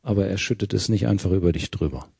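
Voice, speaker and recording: Prediger mit warmer, rauer Stimme. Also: male voice, low voice, quick pace, vocal fry, breathy edge, no echo, studio quality. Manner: lively preaching, verse by verse, with questions to the congregation. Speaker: preacher. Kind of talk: sermon.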